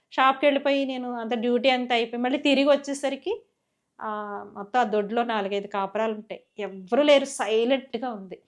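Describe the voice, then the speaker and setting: A woman giving a personal faith testimony as a church member, telling her story in an earnest, conversational way. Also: a little high.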